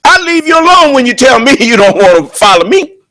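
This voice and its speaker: At a prayer service, a man preaches a sermon in a loud, booming voice, very animated and fairly quick. He hammers his points home with rhetorical questions.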